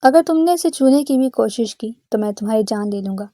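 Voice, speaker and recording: A woman voicing a stern, protective young man who is quick to anger, speaking firmly. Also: a little high, expressive, warm tone, no echo, clean studio sound, lightly acted. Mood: stern, angry. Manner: firm, threatening delivery.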